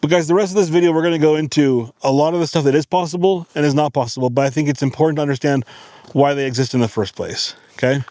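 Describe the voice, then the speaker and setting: A man's voice: fairly high pitch, fairly even intonation, fast talker, mellow, dry recording. A man hosting a casual monologue, rambling and checking in with his listeners. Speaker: channel host.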